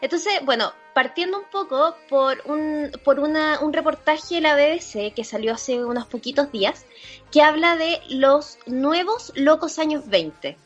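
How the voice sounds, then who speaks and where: A woman's voice: high voice, expressive, measured pace, faint music behind. A young woman with a Chilean accent, chatting casually as a podcast co-host. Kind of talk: casual chat. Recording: dull lo-fi audio.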